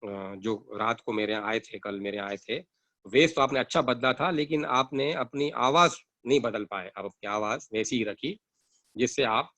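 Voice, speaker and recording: A man storyteller voicing a shrewd, calm male merchant who confides secrets in a hushed, assured way. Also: mid-range voice, moderate pace, no room sound, natural voice. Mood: confiding.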